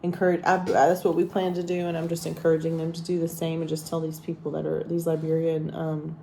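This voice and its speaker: A woman's voice: sits low, monotone, fairly quick, vocal fry, mellow, a little hiss or hum. A woman vlogging in casual chat, rambling and teasing as she talks about her day. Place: hotel room abroad.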